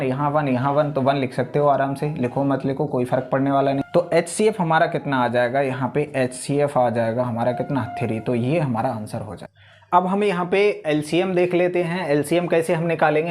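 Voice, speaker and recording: A man's voice: fairly high pitch, darkish tone. Patient male math teacher explaining steps. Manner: patient step-by-step explaining, checks in with "ठीक है". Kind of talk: exam-prep math lesson.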